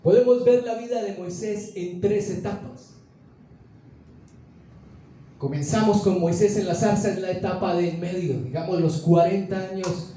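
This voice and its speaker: A man's voice: high voice, mellow, distant mic. A man with a Colombian accent preaching a sermon, telling a scripture story and acting out its dialogue. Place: church sanctuary. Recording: echoey church hall, speaker away from mic.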